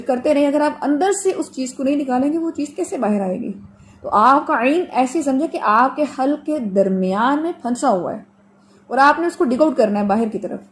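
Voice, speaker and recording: A woman teaching the pronunciation of Quranic letters in an online class, explaining patiently with everyday examples and drawing out sounds slowly for students to copy. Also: high voice, slight background noise. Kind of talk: online tajweed lesson.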